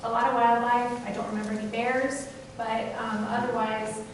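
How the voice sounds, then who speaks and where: Woman candidate from Tennessee, fairly high voice, fluent stump speech, roomy far-off recording. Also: level tone, normal speed. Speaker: city council candidate. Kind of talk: campaign speech. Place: meeting room. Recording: echoey room from far off, noisy.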